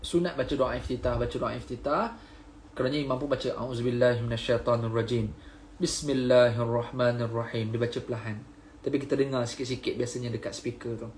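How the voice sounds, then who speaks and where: A Malaysian man teaching Quran recitation live, patiently explaining pronunciation and chanting verses slowly. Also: mid-range voice, fairly even intonation, reverberant, slight background noise. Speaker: religious teacher.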